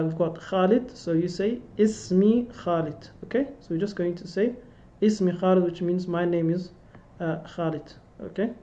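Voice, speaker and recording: An Arabic teacher, a man with a high, dark voice, teaches an online language lesson from an indoor room, patiently repeating phrases for students to echo. It's recorded through a webcam on a video call, with the highs cut off.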